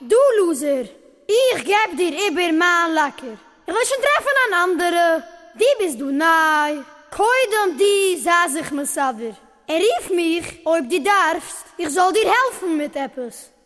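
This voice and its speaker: A woman voicing a polite, helpful young camp girl who speaks in a measured way. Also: very high voice, animated, a bit bright, long reverb tail, exaggerated voice.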